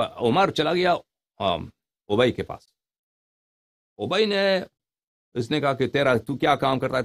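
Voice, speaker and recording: A man's voice: mid-range voice, gravelly. A man giving an informal religious lecture, explaining Arabic hadith and asking rhetorical questions. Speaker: religious preacher.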